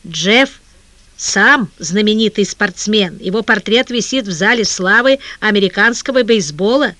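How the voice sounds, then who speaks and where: An audiobook reader voicing a commanding male newspaper boss with a brisk manner. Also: medium pitch, pushed and bright, no room sound. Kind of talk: audiobook character reading.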